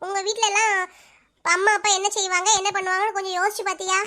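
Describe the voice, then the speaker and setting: A bossy young village neighbor, voiced by a woman, fires off words in a very high, fast voice. She scolds sharply but means well. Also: flat delivery, bright, forceful tone. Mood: scolding. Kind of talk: cartoon voice-over.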